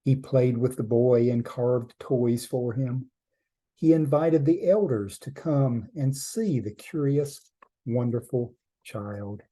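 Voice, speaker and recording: A man telling a traditional trickster tale as a storyteller, in measured short phrases with deliberate pauses. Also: medium pitch, lively intonation, mellow, poor audio.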